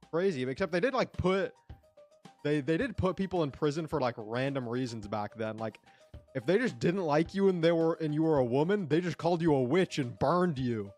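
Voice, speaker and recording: This streamer is a man whose voice sits fairly high with a darkish tone. Rambling and chatty, he gives casual commentary on his gameplay and addresses his chat.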